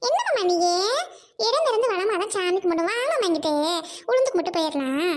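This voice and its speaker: A woman's voice: very high-pitched, animated, fast. A woman in her thirties with a Tamil accent, whining and pleading in a comic skit. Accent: Tamil Nadu Tamil. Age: 30s. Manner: whiny, pleading, sobs and laughs in turns. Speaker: comedy skit actress.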